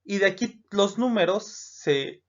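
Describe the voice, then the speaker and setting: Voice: medium pitch, expressive, slow pace. A teacher with a Mexican Spanish accent in a recorded lesson, patiently saying each English number aloud, repeating it, and checking in with "¿no?". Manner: explanatory, with frequent "eh" and "¿no?" checks. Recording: slightly dull lo-fi recording.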